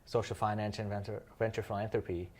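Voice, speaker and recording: A man from Kenya, in his thirties, answering interview questions. His voice sits fairly low. He explains things in a measured, unhurried way, with many "um" fillers along the way. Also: level tone. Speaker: interview guest, social finance founder.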